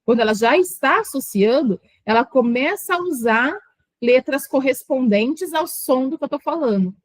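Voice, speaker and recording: In an online exam-prep lecture, a woman with a fairly high voice and lively intonation teaches patiently, breaking words into slow syllables. The sound is dry and close, with no room echo.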